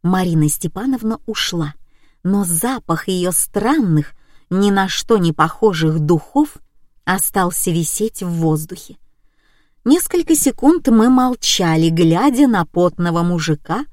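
A woman's voice: fairly low pitch, lively intonation, a little slow, darkish tone, no echo, clean studio sound. A woman reading an audiobook in a wry, ironic manner. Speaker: narrator. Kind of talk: audiobook narration.

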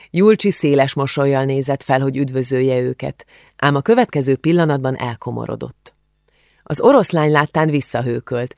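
A man narrating an audiobook in a calm, steady reading voice. His pitch sits in the middle range and the recording is dry and close, with no room around it. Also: vocal fry, no echo.

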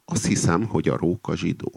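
A man voicing an anxious, conspiratorial male rooster in a fable reading, often hushed and whispering. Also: deep voice, gravelly, husky, exaggerated voice. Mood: earnest. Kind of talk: acted reading of a satirical fable.

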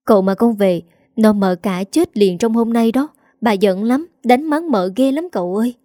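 A woman doing a sharp-tongued spiteful servant girl. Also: on the high side, moderate pace, no echo, clean studio sound, lightly acted. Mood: urgent. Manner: mocking, scornful.

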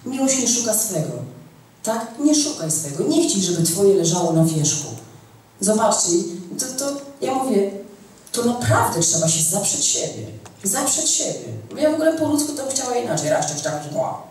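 A woman's voice: medium pitch, big pitch swings, normal speed, darkish tone. A woman teaching a church group, stressing her points by repeating phrases and asking "tak?" to check that listeners follow. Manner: emphatic, repeats key phrases, asks "tak?". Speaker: women's teacher. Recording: echoey room, mic far off, faint noise.

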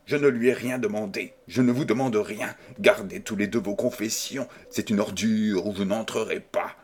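A man playing a stern, husky old baron. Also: mid-range voice, measured pace. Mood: furious. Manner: indignant, stiff and formal, then coldly businesslike. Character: stern proud old male baron, outraged.

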